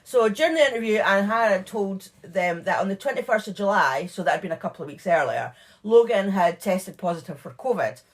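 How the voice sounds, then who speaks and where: A woman's voice: mid-range voice, lively intonation, a little fast. A woman co-hosting a true crime podcast, casually retelling case details with lots of fillers and asides. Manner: chatty, filler-heavy retelling of case notes. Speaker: podcast co-host.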